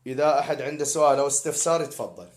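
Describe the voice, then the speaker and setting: Speaking at a racing clip in a slightly high voice, this man teaches poetic meter over a live stream and spells out words letter by letter as he goes. The recording is distant and echoey.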